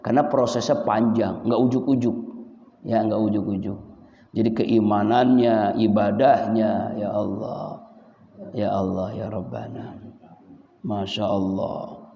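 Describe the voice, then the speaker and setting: A man's voice: fairly low pitch, fairly even intonation, unhurried, vocal fry, warm tone, slight background noise. A man giving an informal, chuckling sermon to his congregation, full of religious exclamations. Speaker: preacher. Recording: echoey hall, dull lo-fi sound.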